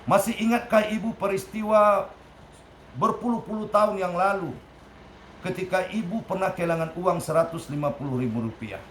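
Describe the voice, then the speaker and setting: A man's voice: high voice, moderate pace, fairly bright tone, a little hiss or hum, pitched above the performer's own voice. A man playing a grown son who earnestly confesses and begs his mother's forgiveness, recorded in an echoey room. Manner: earnest, pleading.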